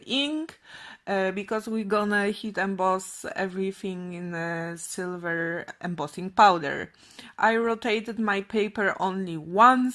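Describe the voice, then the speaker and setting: Seated facing a fixed camera in her home craft room, a Polish woman in her thirties with a Polish accent talks through a card-making project as a casual crafting tutorial. Her medium-pitched voice is a bit bright, and she uses many hesitant fillers.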